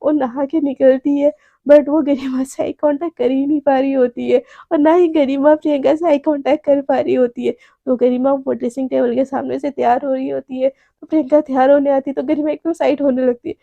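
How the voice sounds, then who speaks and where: High-voiced woman telling a story. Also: little pitch movement, brisk, gravelly, dry recording, phone-quality sound. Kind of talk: casual told love story.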